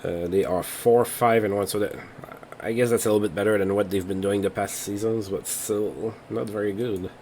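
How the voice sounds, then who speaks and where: Hosting a laid-back let's play, this man reads over game results and weighs his options aloud in an easygoing, unhurried manner. English isn't his first language, and his voice sits somewhat low. A faint hiss or hum runs under the casual gameplay commentary.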